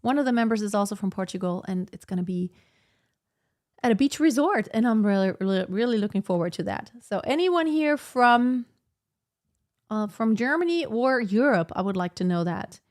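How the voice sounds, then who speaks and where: Speaking from home in southern Germany, a woman in her thirties who works as a vocal coach chats through a live Q&A, reading viewer comments aloud. She sounds expressive, with a medium pitch, a darkish tone and a moderate pace, and her talk wanders with many fillers and false starts.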